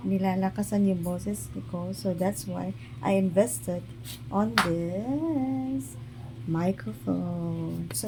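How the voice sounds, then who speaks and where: Slow-talking Filipino woman testing a lapel mic. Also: mid-range voice, noisy background. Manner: chatty, mixes English and Filipino, talks to viewers directly. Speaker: vlogger testing a lavalier mic. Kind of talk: casual product-test vlog. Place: home with roosters crowing nearby. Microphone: lavalier plugged into a phone.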